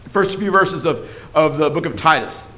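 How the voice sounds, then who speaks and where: A man with a high-pitched voice leads a Bible lesson. He speaks earnestly and presses his points hard, with frequent fillers and restarts. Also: moderate pace, pushed and bright, poor audio. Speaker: Bible teacher. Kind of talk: Bible study teaching.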